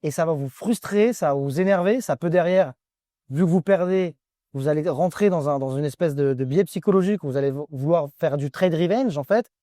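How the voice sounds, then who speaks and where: A man's voice: a little high, a little fast, dark tone, dry recording, studio quality. A man as a guest in a casual interview, giving direct advice in short, broken phrases. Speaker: guest trader.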